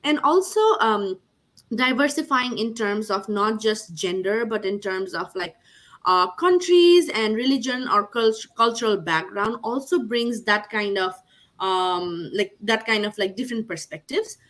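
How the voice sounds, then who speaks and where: A young Nepali woman, an MBA graduate on a panel, answers questions earnestly over a video call, using lots of fillers like "like" and "you know." Her voice is medium-pitched and fairly bright, and she speaks a little slowly.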